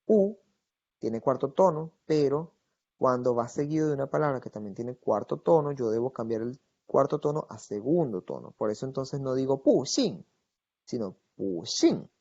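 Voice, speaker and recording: A man's voice: medium pitch, creaky, darkish tone, lo-fi sound. Patient man teaching Mandarin grammar. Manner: patient, explanatory, checks in with "¿verdad?"; slows down to model Chinese phrases. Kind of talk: recorded online grammar lesson.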